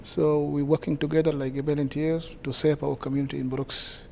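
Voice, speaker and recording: A man with a South Sudanese accent answers interview questions in a halting way, pausing often. His voice sits fairly high and stays flat, with a gravelly, mellow edge. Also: a little hiss or hum. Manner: halting, many hesitations. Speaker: guest, community association president.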